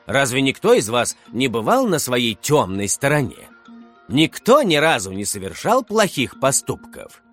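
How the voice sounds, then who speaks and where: A man voicing a kindly schoolteacher who speaks slowly and gently to his pupils. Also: medium pitch, wildly swooping pitch, faint music behind, full character voice. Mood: gentle. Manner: slow, gentle, measured. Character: calm kindly older male schoolteacher.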